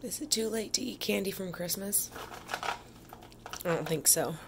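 A woman vlogger with a sick, rough voice, chatting casually and eagerly at home and thinking out loud. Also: medium pitch, moderate pace. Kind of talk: casual vlog chat. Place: home kitchen. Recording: noisy home recording.

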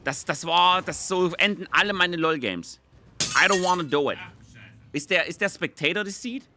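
A young man co-streaming an esports match, excitable and joking, who often breaks into shouts. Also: high voice, moderate pace, a little hiss or hum. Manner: loud, joking, shouts and laughs during plays.

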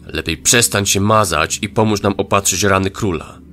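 A man voicing a gruff, scornful male commander of the royal guard in an audio drama, barking his words. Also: deep voice, moderate pace, sharp tone, faint music behind.

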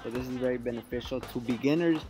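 A man's voice: mid-range voice, fast talker. A man giving a casual, explanatory instructional voice-over as the host of a boxing workout channel, addressing viewers informally.

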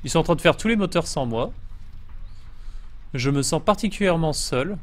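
A man's voice: on the high side, expressive, moderate pace. A man commenting his own video game session in a playful, joking way, slipping into silly put-on accents. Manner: jokey, trying silly accents. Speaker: gamer streamer.

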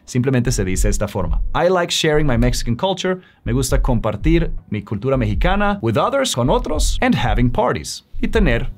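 A man from Sweden with an American accent in English, teaching English phrases step by step and exaggerating the pronunciation. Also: mid-range voice. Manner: lively, shifting pace between slow drills and quick asides. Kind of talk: bilingual language lesson.

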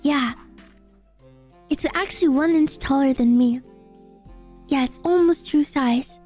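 Really high girly voice, woman streamer chatting casually, slow and playful, faint music. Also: a little mellow. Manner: giggly, playful. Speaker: livestreamer. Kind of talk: casual livestream chat.

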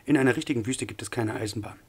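A man voicing a curt, defiant young male worker with a husky voice. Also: medium pitch, rapid-fire, lightly acted.

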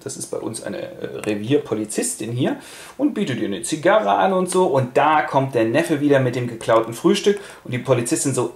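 A man hosting a casual, playful retelling of a play with toy figures, talking briskly. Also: mid-range voice, a little mellow, reverberant. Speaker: host.

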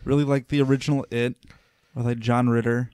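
A man's voice: mid-range voice, flat delivery, brisk, darkish tone, smooth, no echo, studio quality. A man co-hosting a podcast, chatting casually and hesitantly in a small room on a desk mic. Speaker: podcast co-host. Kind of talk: casual chat. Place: small room around a table. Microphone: desk mic on a boom.

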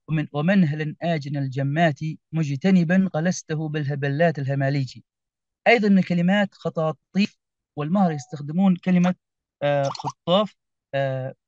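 Man, fairly high voice, academic paper talk, halting with fillers, online call audio. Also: a little mellow, dry recording, dull audio. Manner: hesitant, many fillers, recites poetry slowly. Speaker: conference presenter.

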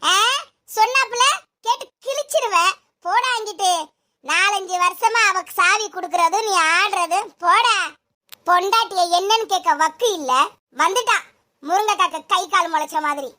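A woman playing a sharp-tongued mother-in-law who scolds and hurls insults at her daughter-in-law in a comedy sketch. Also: extremely high pitch, moderate pace. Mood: scolding. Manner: scolding, name-calling.

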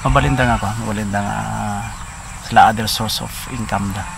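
A middle-aged man from the Philippines in an outdoor documentary interview, speaking haltingly and mixing in English terms. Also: on the low side, steady tone, vocal fry. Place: outdoors by a rural pond with hills. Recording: outdoor interview with audible background noise.

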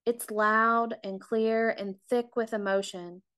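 A middle-aged woman reading her own memoir aloud in a measured, reflective and confessional way. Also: fairly high pitch, little pitch movement, fairly bright tone, smooth. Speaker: author.

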